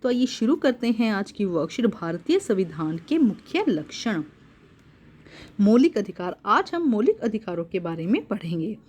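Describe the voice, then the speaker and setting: A woman's voice: medium pitch, sing-song, moderate pace, a little mellow. A woman teacher goes through a school worksheet, reading each point and then explaining it again in simple words, mixing in English terms.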